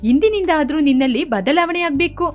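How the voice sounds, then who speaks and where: Lady as strict big sister from the village, high voice, scolding hard, faint music. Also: lively intonation, fairly quick. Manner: scolding, firm. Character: stern, loyal older village sister.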